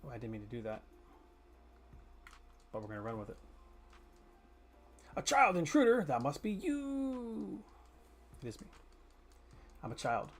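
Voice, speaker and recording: A gaming streamer with a mid-range, darkish voice chats casually with his viewers during live gameplay, joking around and swearing freely.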